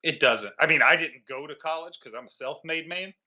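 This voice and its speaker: A man's voice: a little high, a little fast, sharp tone. A man co-hosting a casual movie review podcast, talking in a sarcastic, profane way. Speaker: podcast co-host. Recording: dull lo-fi sound.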